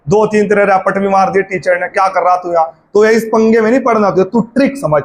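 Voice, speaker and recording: Male Hindi tutor with a high voice, talks to the student informally, asks and answers his own questions. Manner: drawls words out slowly to spell out sounds. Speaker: Hindi teacher. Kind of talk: classroom-style video lesson.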